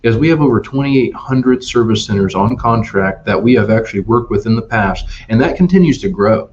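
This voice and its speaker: A man, an RV salesman appearing as a guest on a webinar, tells customer stories and makes his sales pitch in an animated, emphatic way with many restarts. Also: brisk, slight background noise. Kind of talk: storytelling sales talk. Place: Ohio dealership office. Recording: dull lo-fi webinar audio.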